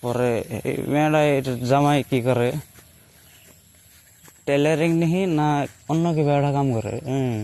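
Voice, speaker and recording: Speaking a rural Assam Bengali dialect, this young storyteller recounts his personal experiences in a fairly high, smooth, slightly mellow voice. His tone stays steady and unhurried, with long pauses, as he wanders through his stories and keeps restating himself.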